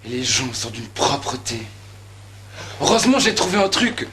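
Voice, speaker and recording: A man's voice: medium pitch, big pitch swings, moderate pace, sharp tone. A man playing a lazy, scheming young man who speaks in a wry, mocking monologue, in an amateur stage comedy. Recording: echoey stage.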